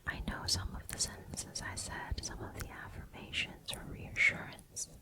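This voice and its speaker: A woman giving a gentle, reassuring pep talk in an ASMR whisper, close to the microphone. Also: moderate pace. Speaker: ASMR host.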